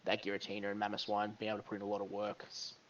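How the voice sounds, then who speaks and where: A man's voice: on the low side, completely flat delivery, rapid-fire, fairly bright tone, dull audio, a little hiss or hum. A man commentating a live game match, giving analytical play-by-play. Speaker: esports caster.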